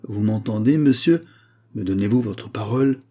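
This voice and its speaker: Storybook villain: a man voicing a haughty male Russian major, husky and mellow, sneering and domineering. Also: on the low side, normal speed, lightly acted. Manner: sarcastic, domineering.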